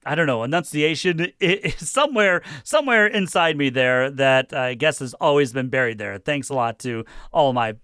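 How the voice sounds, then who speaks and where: A man's voice: mid-range voice, animated, normal speed, hardly any pauses, fairly bright tone, smooth, no echo, studio quality. A man of fifty with a Michigan accent tinged by Western Pennsylvania, hosting a podcast in a chatty, self-mocking way, slightly nasal. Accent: Michigan, with a touch of Western Pennsylvania. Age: 50s. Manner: chatty and self-mocking, acts out remembered talk. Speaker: podcast host. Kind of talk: casual solo commentary.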